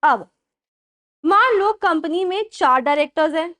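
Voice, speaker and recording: A young woman teaching a class and mixing English terms into Hindi, dictating slowly, repeating points and checking that her students follow. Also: very high voice, lively intonation, pushed and bright. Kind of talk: classroom lecture.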